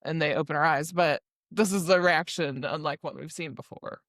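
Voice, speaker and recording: A woman's voice: low-pitched, normal speed, a bit bright, no echo, studio quality. A woman co-hosting a podcast, chatting casually about a book; she rambles, laughs often and swears freely. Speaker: podcast co-host. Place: recording studio.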